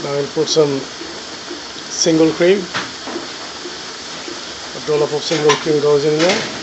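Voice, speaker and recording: A man giving casual, halting live commentary with fillers while a chef cooks in a restaurant kitchen. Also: on the high side, steady tone. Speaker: cooking video narrator. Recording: dull lo-fi audio with loud kitchen noise. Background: pans sizzling and clattering.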